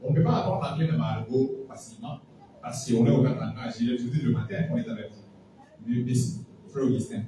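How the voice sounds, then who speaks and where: A man answering an audience question at a public launch event, talking in an animated, digressive way. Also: mid-range voice, brisk, far from the mic, noisy background. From Democratic Republic of the Congo. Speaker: English language speaker at a launch event. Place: event hall. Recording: very echoey hall, voice from afar.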